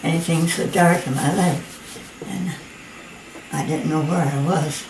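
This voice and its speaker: An elderly woman in her eighties with slightly slurred speech from missing teeth, talking in an earnest, halting, plainspoken way as in a homemade personal video. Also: low voice, steady tone, echoey room. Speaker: amateur watercolor painter and video maker. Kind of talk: personal testimony and casual painting demonstration. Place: living room at home, indoors. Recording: noticeable background noise, amateur home recording.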